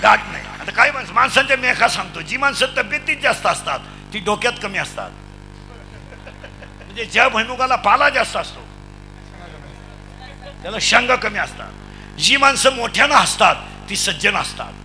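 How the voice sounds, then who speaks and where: A man's voice: sits high, big pitch swings, moderate pace, pauses often, bright, forceful tone, soft background music. A middle-aged man preaching a comic devotional sermon, chanting rhythmic lists and quizzing his audience. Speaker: kirtan preacher.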